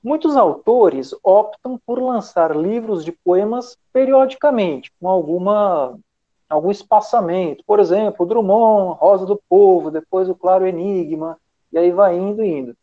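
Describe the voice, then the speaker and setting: A man interviewing a poet, reading out prepared questions in a measured, careful way. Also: high-pitched, highs cut off.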